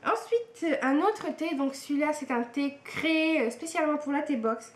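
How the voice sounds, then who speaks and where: A woman's voice: high-pitched, normal speed. A young woman chatting casually through an unboxing, hesitant and full of fillers. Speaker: book and tea vlogger. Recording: echoey room with faint hiss.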